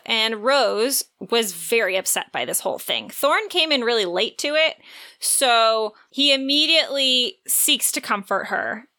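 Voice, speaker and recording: A woman with a fairly high, bright, forceful voice co-hosts a podcast. She gives a lively, playful, informal retelling of a romance novel's plot.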